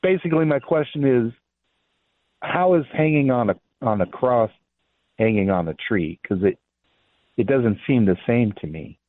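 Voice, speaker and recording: A man calling in to a radio show over the phone, asking his question haltingly with fillers and restarts. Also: mid-range voice, animated, dry recording. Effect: phone line call-in. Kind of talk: call-in question. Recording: tinny phone line.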